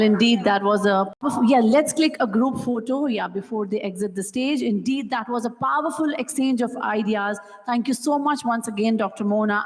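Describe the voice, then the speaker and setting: A woman hosting a formal award ceremony on stage, polite and effusive, thanking guests and inviting them up one by one. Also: fairly high pitch. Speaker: event host. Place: large event hall. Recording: hall reverb with music behind.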